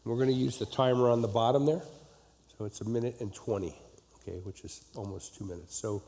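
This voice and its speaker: A man's voice: mid-range voice, fairly even intonation, a little fast, dark tone. A man moderating a live forum in an informal way. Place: public forum in a hall. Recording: noisy echoey hall with long reverb.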